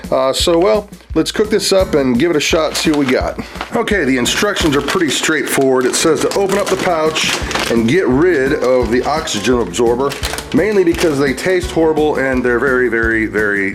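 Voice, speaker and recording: A man giving a casual food review, talking in a folksy, jokey way with playful asides. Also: medium pitch. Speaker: product reviewer.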